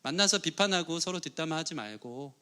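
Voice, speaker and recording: Male pastor, middle-aged, high voice, preaching to his church with earnest questions. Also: expressive, a little fast, sharp tone, clean tone. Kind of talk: sermon. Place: church sanctuary.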